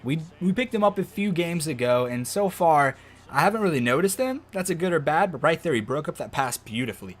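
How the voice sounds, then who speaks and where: Male gaming host, higher-pitched voice, casual and excitable football game commentary. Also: fairly quick. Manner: excitable, loud outbursts over game plays.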